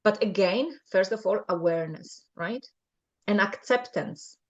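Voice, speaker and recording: This is an interview in which a woman coach from Poland, with a Polish accent and mid-range voice, gives advice at a measured pace. Earnest in tone, she often adds "right?" to check in, captured on muffled lo-fi audio.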